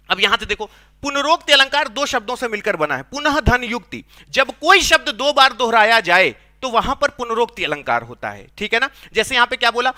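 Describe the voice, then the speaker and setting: A man's voice: very high voice, sharp tone. A man teaching a Hindi exam-prep lesson in a chatty way, acting out quoted lines and often asking the class to agree. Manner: chatty, scolding asides, acts out quoted lines.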